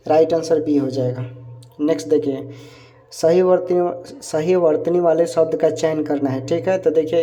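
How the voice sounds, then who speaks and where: A man's voice: on the high side, dark tone. A man with a Hindi accent from Bihar, teaching an exam practice lesson and repeating each answer with frequent check-ins.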